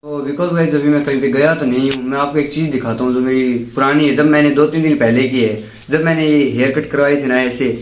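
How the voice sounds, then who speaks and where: A man's voice: mid-range voice, steady tone, fairly quick, hardly any pauses, lo-fi sound. A man casually chatting through a vlog, moving between his home and the lane outside during rain and constantly pointing things out to his viewers. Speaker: vlogger.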